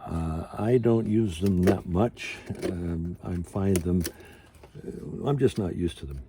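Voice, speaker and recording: A man in his sixties giving an informal demonstration in an unhurried, halting way, with trailing asides. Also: deep voice, dark tone, a little hiss or hum. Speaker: ventriloquist and puppet carver. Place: outdoor canopy tent used as carving workshop.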